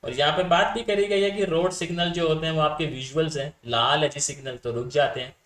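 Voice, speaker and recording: A man's voice: on the high side, fairly even intonation, brisk, fairly bright tone, reverberant. A man teaching a class, explaining points in a casual, chatty way and often checking whether his students follow. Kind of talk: Hindi-English lecture on communication theory.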